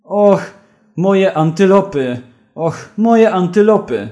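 A man voicing a frantic male zoologist who wails in drawn-out cries. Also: a little high, lively intonation, a little mellow, pitched above the performer's own voice. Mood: wailing. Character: frantic male zoologist wailing about antelopes.

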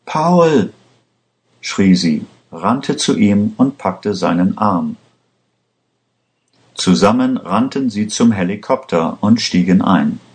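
Slow, low-voiced male narrator. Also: expressive, a little mellow. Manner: slow, measured reading for learners. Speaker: audiobook narrator. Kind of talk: scripted narration.

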